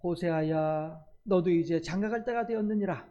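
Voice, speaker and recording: A solemn divine male voice hands down old-fashioned commands, a little lower than the preacher's plain voice. The lines are measured and unhurried. A preacher puts this voice on while telling a sermon story. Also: warm tone, dull audio, soft background music, close to an everyday voice.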